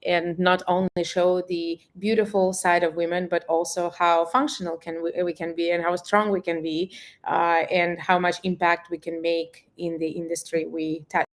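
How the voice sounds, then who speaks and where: Low-voiced woman presenting. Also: level tone, normal speed. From Russia. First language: Russian. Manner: earnest, with frequent "uh" fillers. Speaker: events marketer presenting. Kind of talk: webinar presentation.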